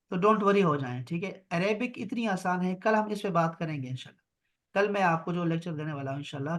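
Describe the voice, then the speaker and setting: High-voiced man teaching slowly by video call. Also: a bit bright. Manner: patient, repeats words slowly, reassuring. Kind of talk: online Arabic grammar lesson.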